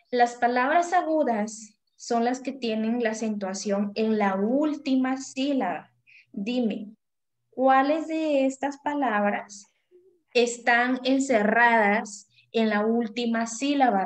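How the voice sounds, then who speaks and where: Patient woman teacher on a video call. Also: on the high side. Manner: patient, calls on pupils by name, drills syllables slowly. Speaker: primary school teacher. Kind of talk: online class over video call. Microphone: video call microphone.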